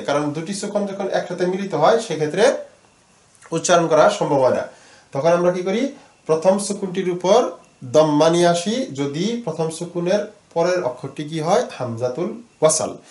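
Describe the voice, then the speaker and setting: A man teaching Arabic grammar in Bengali, explaining slowly with many fillers and repeated words. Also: sits high, expressive, a little mellow, reverberant.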